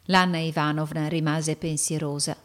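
A woman narrating a children's story aloud in a measured, expressive way. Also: deep voice. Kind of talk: storybook reading.

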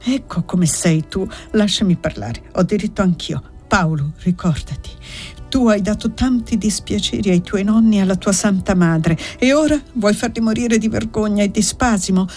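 A woman's voice: medium pitch, normal speed, mellow, soft background music, close to an everyday voice. A woman voicing an anxious, devoted young woman in an audiobook, reading plaintively and with agitation. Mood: agitated.

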